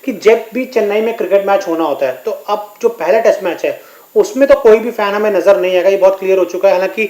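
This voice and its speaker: A man's voice: high voice, fast, a little mellow. Male sports reporter in an echoey room. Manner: detailed, explanatory reporting. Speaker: sports correspondent. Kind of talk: news discussion reporting.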